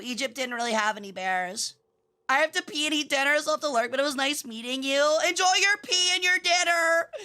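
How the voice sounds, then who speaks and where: A woman with a very high, bright voice chats on a game livestream. She has a cute anime streamer persona and talks playfully to her audience.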